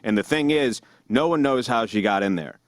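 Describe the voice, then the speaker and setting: A man hosts a podcast, telling stories in casual chat and jumping high in pitch whenever he mimics other people. He's animated and talks at a moderate pace, and the recording is studio quality with no echo.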